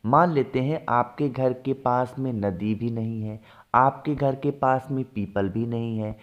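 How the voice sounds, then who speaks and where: A man teaches devotional rituals at an ordinary middle pitch, moving step by step. He often asks his listeners a question and answers it himself, slowing down on the key instructions. The recording sounds slightly muffled. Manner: slows down to stress steps.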